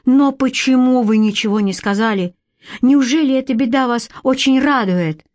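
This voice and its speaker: A woman voicing a young boy who shouts in desperation, read in an audiobook. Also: high-pitched, moderate pace, no room sound, pitched above the performer's own voice, natural voice. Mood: agitated. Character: agitated young boy, the hero.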